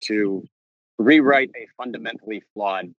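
This novelist, speaking in a fairly low, slightly bright voice, fields interview questions while wandering outdoors on a campus. He talks haltingly, often breaking off to restart or correct his sentences. The recording is dry and muffled.

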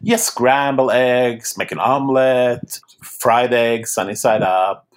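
A chatty man from Norway talks as a podcast guest. He laughs easily, and his voice sits at a middling pitch. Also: slow pace. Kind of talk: casual interview chat.

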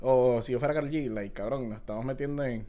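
A man's voice: medium pitch, fairly even intonation, fast, warm tone. A man with a Puerto Rican accent chatting casually as a podcast host in Spanglish, dropping English words into slangy, sweary Spanish. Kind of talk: casual chat.

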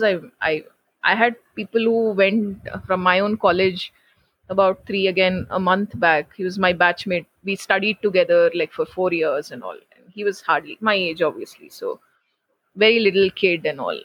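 A woman's voice: fairly low pitch, normal speed. A woman with an Indian accent chatting casually on a podcast, on a dull, roomy recording. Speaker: podcast participant. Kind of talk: casual chat.

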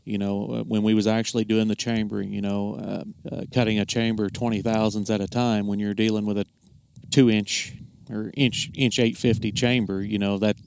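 A man giving a casual technical explanation as a craftsman, plainspoken and folksy, often halting and repeating words. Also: fairly low pitch, level tone, creaky, darkish tone, clear, resonant tone. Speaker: gunsmith explaining his craft.

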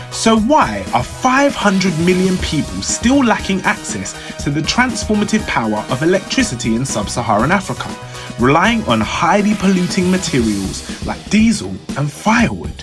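A woman host reads a scripted introduction with a lively, upbeat delivery, and her pitch swings widely. Music plays clearly under her voice the whole time. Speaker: show host. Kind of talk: scripted narration.

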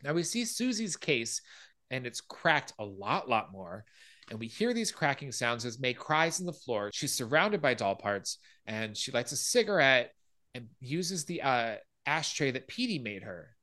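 Man, podcast host, casual film recap, bright voice, acts out quotes. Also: medium pitch, big pitch swings, a little slow. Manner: retelling scenes, acting out quoted lines.

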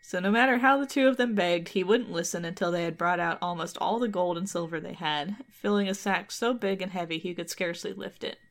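A woman's voice: fairly low pitch, fairly quick, few pauses. A woman co-hosting a podcast, reading a folktale aloud with casual asides and frequent laughter. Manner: laughs often, chatty asides. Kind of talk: casual read-aloud with commentary.

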